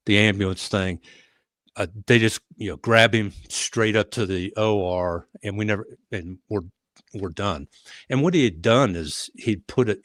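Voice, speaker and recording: Older man, low voice, dry close podcast sound, rambling storyteller with uh fillers. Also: no echo. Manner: animated storyteller with frequent uh fillers and restarts. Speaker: retired police leader, podcast guest. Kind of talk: conversational storytelling.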